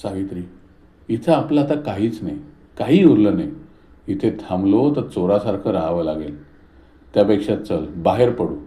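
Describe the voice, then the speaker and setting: A man voicing a quiet elderly father who speaks softly through sobs. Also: low voice, expressive, moderate pace. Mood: hurt, resigned. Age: older. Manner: soft, sobbing. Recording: roomy echo.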